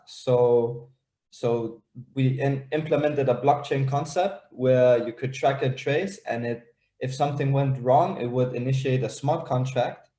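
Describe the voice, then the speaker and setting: A man's voice: medium pitch, warm tone, reverberant. A young man from Denmark and Israel, a startup founder presenting on a video call, talking hesitantly with many fillers and restarts.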